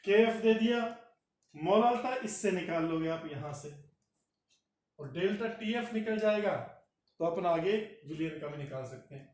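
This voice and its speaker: A man's voice: high voice, expressive, darkish tone. A man teaching chemistry, working a problem step by step and doing the arithmetic aloud. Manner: slow, talks through arithmetic aloud. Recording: roomy echo from far off the mic.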